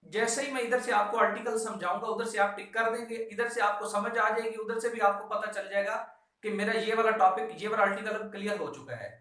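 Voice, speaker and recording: This is a brisk, bright, forceful man's voice, pitched high, with a Pakistani accent. He gives an emphatic instructional law lecture for exam students, repeating key instructions and mixing in English terms, in an echoey room with a whiteboard recorded through a distant mic with a lot of echo.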